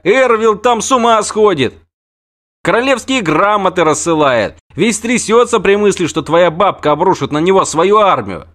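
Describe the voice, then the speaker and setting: A man voicing a loud, blustering wounded soldier in an audiobook reading. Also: extremely high pitch, voice pushed up, heavily acted. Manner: shouting, blustering.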